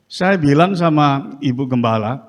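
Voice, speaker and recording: A male pastor, telling a testimony in a sermon with animated storytelling and frequent "ya" tags. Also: mid-range voice, measured pace. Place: church sanctuary. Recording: reverberant church hall.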